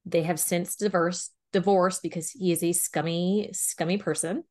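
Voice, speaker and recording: A woman co-hosting a book review podcast, chatting casually with a steady stream of "like" and quick laughs. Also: fairly low pitch. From Pennsylvania, US. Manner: chatty, heavy use of "like", animated and laughing. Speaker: podcast co-host reviewing romance books. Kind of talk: casual chat.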